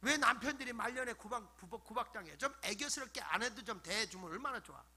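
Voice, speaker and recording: A middle-aged male pastor preaching a Friday night revival sermon, playfully acting out wheedling prayers and swinging from soft murmurs to shouted bursts. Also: extremely high pitch, animated, fast talker.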